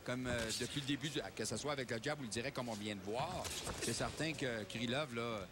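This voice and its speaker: A man's voice: mid-range voice, brisk. A man with a Quebec French accent giving live analytical boxing commentary from ringside. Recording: loud arena noise behind.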